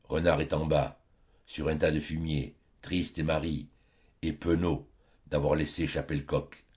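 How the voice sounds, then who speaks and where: A man reading a medieval tale aloud in an expressive, dramatic storybook style, in a dull lo-fi audiobook recording. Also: extremely low pitch, a little slow. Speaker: audiobook reader.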